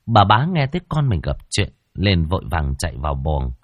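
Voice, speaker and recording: A man's voice: sits low, big pitch swings, moderate pace, no room sound, clean studio sound. A man narrating a ghost story dramatically.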